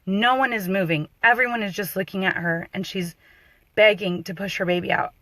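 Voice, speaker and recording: A woman's voice: medium pitch, a bit bright, no room sound, low-quality recording. Emotional woman retelling a hard birth. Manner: halting, with frequent restarts and "like". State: emotional, close to tears. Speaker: doula. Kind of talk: emotional personal storytelling.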